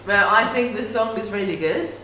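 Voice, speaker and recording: A woman's voice: mid-range voice, normal speed, bright, forceful tone. A woman from Israel who sings and writes songs, answering questions in an easygoing, frank way. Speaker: singer and songwriter. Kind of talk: casual interview answers. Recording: roomy echo, distant mic, noise in background.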